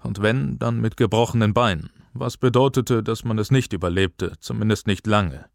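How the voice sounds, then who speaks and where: A man narrating an audiobook in a measured, calm storytelling voice. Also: on the low side, gravelly, no echo, studio quality. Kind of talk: scripted narration.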